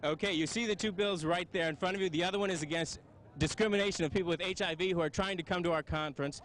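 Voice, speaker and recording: A high-voiced American man reports live from the street as a field reporter. He talks quickly, with faint outdoor noise around him. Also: fairly bright tone, poor audio. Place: outdoors among a parade crowd.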